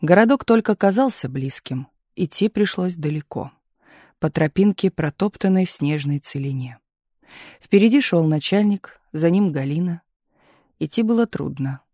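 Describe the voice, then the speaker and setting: A man reading a novel aloud in an even, measured narrating voice. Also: fairly high pitch, no room sound, studio quality. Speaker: audiobook reader. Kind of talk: scripted narration.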